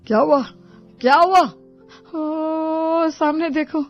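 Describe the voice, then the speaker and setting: A woman voicing a frightened older husband in an animated storybook, shouting in panic. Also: high voice, takes it slowly. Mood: scared. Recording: dull lo-fi audio with music.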